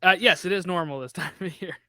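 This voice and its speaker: A man's voice: high-pitched, fast, bright, forceful tone, slight background noise. A man co-hosting a baseball podcast in casual chat, slipping in dry joking asides. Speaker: podcast co-host.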